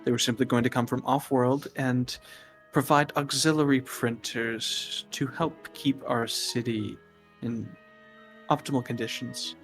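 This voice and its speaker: Colony company rep, female, played by a man: formal, indignant, measured delivery, middle register, tabletop role-play. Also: medium pitch, fairly even intonation, soft background music, lightly acted.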